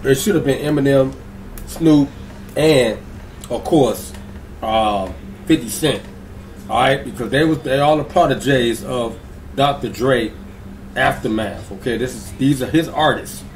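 A young man hosting his reaction channel in an excitable, slangy way, stretching out hype words and throwing in singsong ad-libs. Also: mid-range voice, unhurried, pauses often, slight background noise. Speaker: YouTube reaction channel host. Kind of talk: hyped casual vlog intro.

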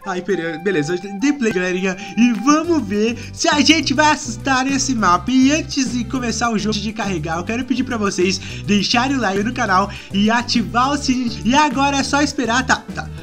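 A woman with a Brazilian Portuguese accent playing a horror game for her channel, easily scared and quick to shriek and exclaim. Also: fairly high pitch, a bit bright, faint music behind. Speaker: gaming YouTuber. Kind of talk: horror game let's-play commentary.

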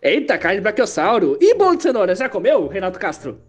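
A man's voice: high voice, wildly swooping pitch, brisk. Man playing a unhinged dinosaur talk show host, giggly and random, swoopy voice, cartoon. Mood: silly. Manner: giggly, random, keeps derailing into nonsense.

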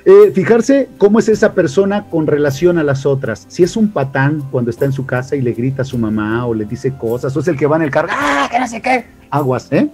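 A man with a Mexican accent giving a church marriage workshop, speaking in a lively, preachy way and calling the audience brothers. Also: fairly high pitch, brisk, hardly any pauses, soft background music. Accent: Mexican Spanish. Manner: animated, addresses listeners as brothers, acts out quotes.

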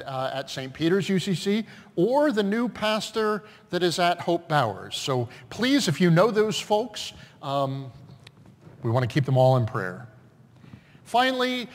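A man pastor leading a church service, giving announcements with many fillers and measured prayers in a sanctuary. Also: a little high. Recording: long church reverb.

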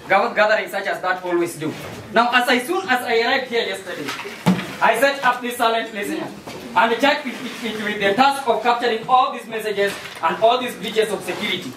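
A man's voice: high voice, close to an everyday voice. A man playing a chatty American surveillance expert in an amateur stage play, talking hesitantly and tagging lines with "eh?". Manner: hesitant, tags sentences with "eh?". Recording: roomy, distant mic with faint noise.

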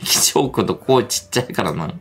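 Animated, gossipy middle-aged man. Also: fairly low pitch, fairly quick, faint music behind. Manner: animated, gossipy, laughs often. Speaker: livestreamer. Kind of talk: casual livestream chat.

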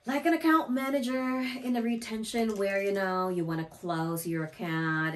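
A woman's voice: deep voice, a little hiss or hum. Chatty, giggly woman telling a story. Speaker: vlogger. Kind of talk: casual storytime.

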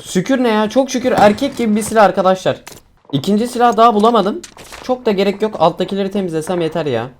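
Brief: young male gaming streamer, excitable running commentary, faint gunfire underneath. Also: high voice, fast talker, background noise. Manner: chatty, excitable, talks to viewers and teammates. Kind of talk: casual gameplay commentary.

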